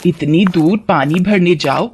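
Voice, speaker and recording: A woman's voice: fairly low pitch, a little slow, a little mellow, slight background noise, close to an everyday voice. A woman voicing a weary village woman in a cartoon, complaining about the long walk. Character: village woman walking to fetch water, complaining. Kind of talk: cartoon voice acting.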